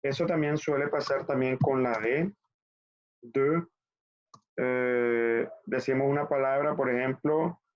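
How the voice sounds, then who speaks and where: A man gives an online language class, explaining each point patiently and step by step. His voice sits at an everyday middle pitch. The audio is a little dull and lo-fi, like a basic computer mic. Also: steady tone. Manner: patient, explains step by step, spells letters out slowly. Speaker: French teacher.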